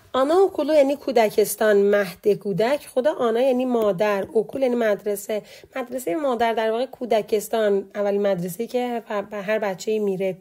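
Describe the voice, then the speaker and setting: A woman teaching a language online, her voice fairly high yet mellow. She walks through a vocabulary list, repeating each word and its meaning. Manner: explains slowly, repeating words and translations. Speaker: Turkish teacher.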